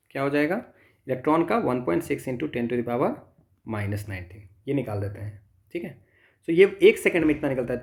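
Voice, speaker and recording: A man with an Indian accent, his voice a little mellow and on the high side, tutors physics. He works through an exam problem step by step, thinking aloud, answering his own questions, and mixing Hindi and English.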